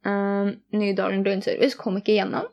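A woman's voice: mid-range voice, level tone, gravelly, darkish tone. A young woman telling a personal story in conversation, earnest and candid, retelling each exchange in detail.

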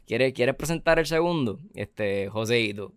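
A man's voice: medium pitch, expressive, measured pace, slight background noise. A Puerto Rican man hosting a podcast, chatting casually and emphatically, with lots of slang and swearing. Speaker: podcast host.

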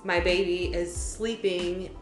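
A young woman co-hosting a podcast, telling a story in a casual, profane, animated way, laughing often. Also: fairly low pitch, slow, roomy sound, faint music behind. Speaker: podcast co-host. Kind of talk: casual chat.

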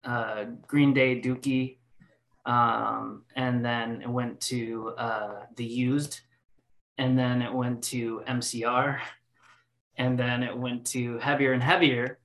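Bright-voiced rambling young male singer. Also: medium pitch, level tone, slow. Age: 20s. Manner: rambling, full of fillers and restarts. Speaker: band singer. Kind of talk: casual podcast interview.

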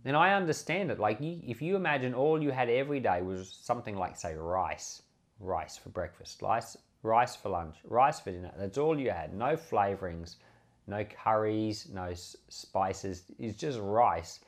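An Australian pastor who also hosts a Bible podcast gives an informal sermon, explaining scripture conversationally and posing rhetorical questions. His voice is fairly low and animated, at normal speed.

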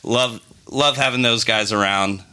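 A man's voice: fairly low pitch, a little slow, bright, forceful tone. A man co-hosting a casual podcast, telling stories in a laid-back way with lots of fillers and restarts. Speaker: podcast co-host. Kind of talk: casual chat.

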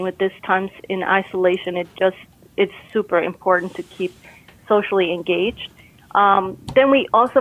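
Over a tinny phone line, a brain health expert from Costa Rica offers cheerful, encouraging advice in a relaxed interview. Her voice sits in the mid range, the recording is dry, and she laughs readily.

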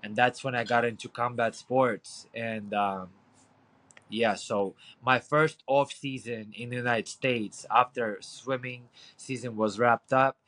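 A man's voice: medium pitch, steady tone, takes it slowly, a bit bright, poor audio. A man in his thirties from Ukraine, speaking English with a Ukrainian accent, rambling casually with fillers as a guest on a podcast. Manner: rambling, frequent fillers and profanity. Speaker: guest, boxing coach. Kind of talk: casual interview.

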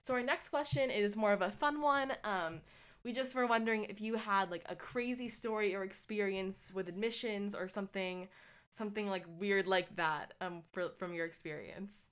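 A woman's voice: medium pitch, moderate pace, fairly bright tone, clear, resonant tone. Young woman interviewer, casual. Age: young adult. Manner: casual, many filler words.

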